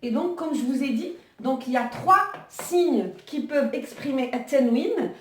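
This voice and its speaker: A woman patiently walks through an online Arabic lesson as she writes, frequently pausing with fillers and restarting her sentences. Her voice sits high and sounds animated yet a little slow, captured from a distance in an echoey room with a faint hiss or hum.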